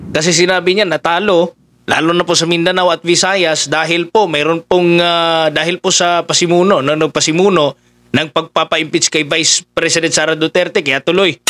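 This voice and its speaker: A man giving casual political commentary, talking conversationally with many fillers as he addresses his listeners. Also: on the high side.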